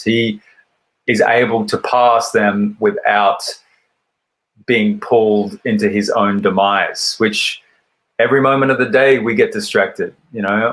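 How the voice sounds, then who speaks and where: Calm, measured man retelling an ancient myth. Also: on the low side, poor audio. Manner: measured, thoughtful storytelling with deliberate pauses; recites poetry in a raised, rhythmic voice. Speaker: poet and speaker. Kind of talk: reflective storytelling talk.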